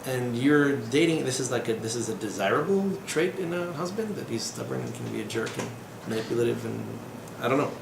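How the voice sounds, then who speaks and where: In an echoey small room with background noise, a thirties-aged man gives a loose, joking lecture, wandering into digressions and sardonic asides with plenty of fillers. His mid-range voice is animated and a little fast, with vocal fry and hardly any pauses.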